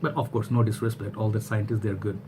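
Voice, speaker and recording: A fast-talking vlogger from Bangladesh, in his thirties, delivers a rambling, casual opinion monologue into a webcam from a small room at home. His voice is lowish and there's background noise; he's animated, gestures with his hands, and keeps using fillers and restarting.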